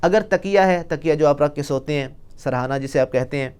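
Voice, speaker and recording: Male Arabic teacher, smooth clear voice, patient and methodical, draws out each example word. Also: fairly high pitch, darkish tone. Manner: slow, drawn-out pronunciation of example phrases; patient step-by-step explanation with repeated examples. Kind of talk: recorded language lesson.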